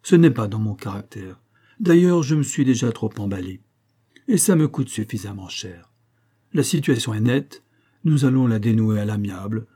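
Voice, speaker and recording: A man reading aloud and voicing a calm, measured husband who speaks deliberately. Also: on the low side, husky. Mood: placid. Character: placid middle-aged husband, calm and stubborn.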